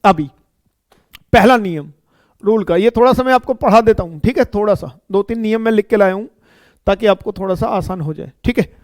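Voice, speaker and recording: Man, teacher, classroom lecture, repetitive, very high voice, dry close sound. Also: no room sound. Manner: explains slowly and repeats, often checking with "ठीक है" and "है ना". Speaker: English grammar teacher.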